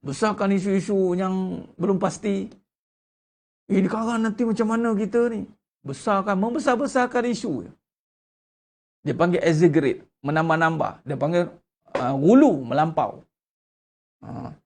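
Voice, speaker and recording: Gravelly high-voiced Malaysian preacher man. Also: a little slow, pauses often. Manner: blunt and lively, acts out quoted voices. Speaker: religious teacher. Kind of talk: sermon.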